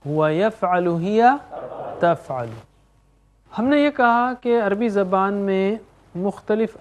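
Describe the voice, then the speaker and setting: Animated high-voiced male Quran teacher. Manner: rhythmic chanting of conjugations, animated and encouraging. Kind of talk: classroom lesson, drilling verb forms.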